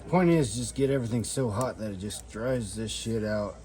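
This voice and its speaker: Tipsy guy w a lowish voice, rambling while he does camp stuff, swears a bit, noisy background. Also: brisk. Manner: self-deprecating, salty-tongued; tipsy, loose drinking talk. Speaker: outdoor vlogger demonstrating fire starting. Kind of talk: casual rambling chat while doing a task.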